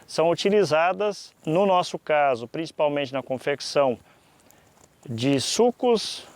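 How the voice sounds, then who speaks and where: A man from southern Brazil with a southern Brazilian accent, presenting an explanatory lesson to viewers in a didactic, deliberate way with frequent pauses mid-sentence. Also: on the high side, lively intonation. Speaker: presenter of a fruit-growing lesson.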